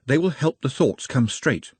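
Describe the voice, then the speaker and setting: A man's voice: mid-range voice, animated, normal speed, slightly rough, dry recording, pitched above the performer's own voice. A man voicing a polite, anxious young male goblin who speaks formally and stutters slightly. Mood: earnest, worried.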